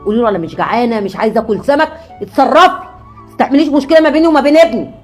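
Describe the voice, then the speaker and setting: Harsh scornful mother-in-law, acted by a woman, Egyptian accent, rapid talk, somewhat high voice. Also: lively intonation, faint music behind, natural voice. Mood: spiteful. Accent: Egyptian Arabic. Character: cruel scheming mother-in-law, middle-aged woman. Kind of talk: comedy sketch acting.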